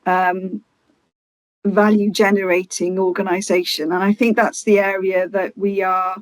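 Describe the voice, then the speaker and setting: A woman presents formally to a committee in a medium-pitched voice. She speaks in a halting way, often restarting words, and the sound is dry with no room echo. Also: level tone.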